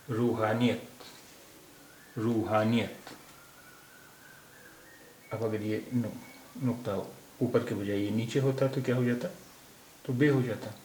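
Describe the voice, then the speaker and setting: A man's voice: mid-range voice, dark tone. A man teaching letters and words step by step, patiently explaining and saying each word three times over. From India. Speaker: language teacher. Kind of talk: slow word-by-word script lesson. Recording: echoey room with faint background noise.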